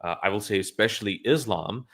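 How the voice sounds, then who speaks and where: A man's voice: on the low side, fairly quick, fairly bright tone. A man hosting a livestream, giving blunt, opinionated commentary and thinking aloud with frequent restarts. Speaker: livestream host.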